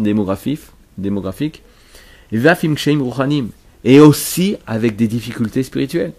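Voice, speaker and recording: A man's voice: on the low side, darkish tone. A man teaching a religious lesson to a class, speaking emphatically, explaining as he goes and often repeating himself or restarting his phrases. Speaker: Torah teacher.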